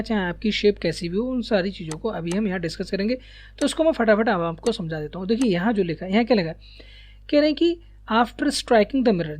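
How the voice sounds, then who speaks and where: A man's voice: sits high, a little mellow. Man teaching physics, checking in often. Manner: repeats checks like "ठीक है" and "ध्यान रखिएगा", sprinkles English terms. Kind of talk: explaining a diagram to students.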